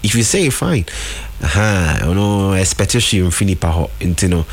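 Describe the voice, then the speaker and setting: A man's voice: low-pitched, expressive, moderate pace. A man hosting a call-in radio show, chatting casually with a Ghanaian English accent. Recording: radio broadcast with music bed.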